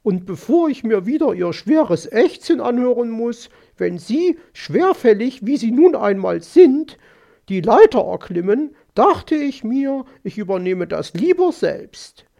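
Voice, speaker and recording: A man voicing a haughty, quarrelsome female magpie in an audiobook, shrill and snappish. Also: big pitch swings, unhurried, vocal fry, warm tone, exaggerated voice. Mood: boastful. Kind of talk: audiobook character voice.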